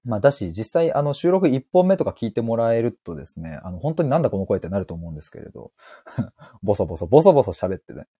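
A man's voice: mid-range voice, very animated, fast, mellow, slightly rough, dry recording. A man hosting a live audio stream, reading listener comments aloud in a playful, giggly way from home on a close mic. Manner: playful and giggly, laughs often and teases himself. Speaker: podcast host.

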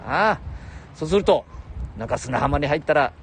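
A man's voice: on the high side, expressive, normal speed, a little hiss or hum. Chatty older man with a regional dialect. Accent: Nagoya-area Japanese dialect. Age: 70s. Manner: chatty, laughs often, talks to himself. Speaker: livestream host. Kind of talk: rambling solo livestream chat.

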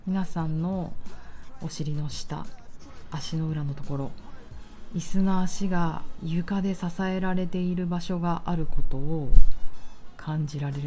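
Low, mellow woman guiding relaxation over music. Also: steady tone. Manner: slow, pausing, soothing delivery. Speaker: relaxation exercise guide. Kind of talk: guided grounding meditation, gentle instruction.

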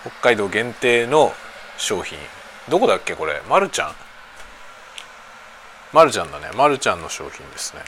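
A man in middle age with a low but bright voice. He talks casually over lunch preparation, in loose, rambling colloquial sentences, and his intonation swings widely as he goes. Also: sing-song, slight background noise. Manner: rambling and colloquial, drawn-out sentence-ending tags. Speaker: streamer. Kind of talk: casual lunch-break chat while preparing food.

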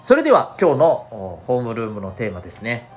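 Man with a stuffy nose, very lively pitch. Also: fast, faint music behind. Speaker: host of an audio show for schoolchildren and parents. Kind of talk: chatty solo podcast talk.

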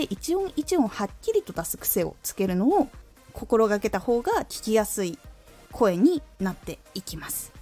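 A woman, a former voice actress, talking through speaking tips on her own radio show in a clear, careful, teacherly way. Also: mid-range voice, a little mellow. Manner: clear, careful teacherly delivery with deliberate demonstrations. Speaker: voice-training radio host. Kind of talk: scripted tips talk.

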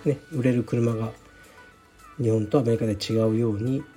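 A man from Fukuoka hosting his own podcast, answering listener letters in a relaxed, frank, offhand way, with many fillers. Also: mid-range voice, moderate pace, faint music behind. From Fukuoka, Japan. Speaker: podcast host, jiu-jitsu gym founder. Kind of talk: casual solo talk answering listener letters.

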